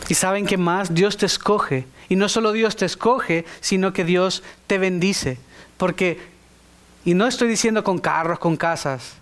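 Brief: male preacher, high voice, emphatic sermon delivery, asks the congregation questions. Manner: emphatic, rising to high exclamations; speaks directly to the congregation with questions.

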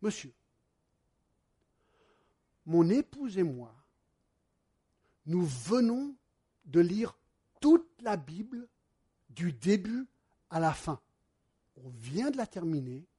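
A man's voice: sits high, big pitch swings, slow, long pauses, mellow, breathy edge, heavily acted. A man quoting a small, polite French baker who asks earnest questions.

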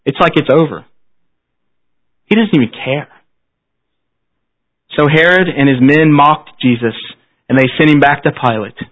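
A man's voice: a little high, measured pace, pauses often. A man preaching at a pulpit microphone in a church service, solemn and exhortatory, using repetition and pointed phrasing. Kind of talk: sermon at a pulpit microphone, closing in prayer. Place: church service, speaking to a congregation. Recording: slightly dull, band-limited sermon recording.

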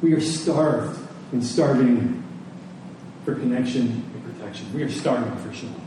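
At a moderate pace, a man with a mid-range voice preaches to his congregation, repeating phrases and asking rhetorical questions for emphasis. The audio is very echoey and distant, with a faint layer of noise.

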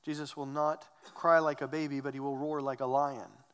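Emphatic preacher in a reverberant hall. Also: male voice, mid-range voice, flat delivery, normal speed, clean tone. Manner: earnest, emphatic preaching with rhetorical questions. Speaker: pastor. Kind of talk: sermon.

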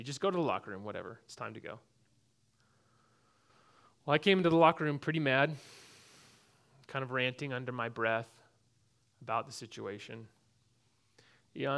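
A man preaching a sermon, telling a personal story in an animated way and acting out shouted exchanges. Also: medium pitch.

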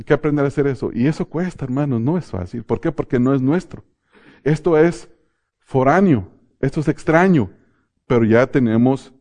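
A man's voice: mid-range voice, dark tone. A middle-aged man preaching a sermon as pastor, telling family stories with laughter and calling the congregation brothers.

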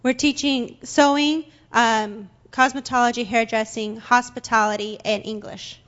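A woman's voice: a little high, steady tone, unhurried, fairly bright tone, highs cut off. A young woman interpreting into English for a guest in a church, slightly hesitant with fillers. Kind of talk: consecutive interpreting. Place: church sanctuary.

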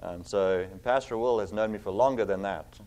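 With a fairly low, slightly mellow voice, a middle-aged man with a South African accent delivers a sermon as a visiting pastor. He's earnest, uses lots of fillers, and gives scripture a slow, emphatic reading.

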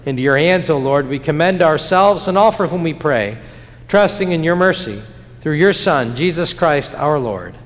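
A man leading prayers in a church chapel in a measured, solemn liturgical cadence, his voice ringing with a cathedral-like echo. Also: a little high, expressive. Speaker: pastor. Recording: long church reverb.

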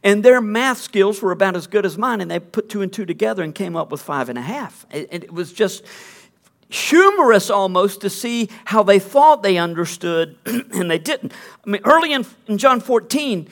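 A man's voice: sits high, lively intonation, moderate pace, gravelly, fairly bright tone. A middle-aged male pastor giving a conversational sermon, mixing teaching with joking, self-deprecating asides.

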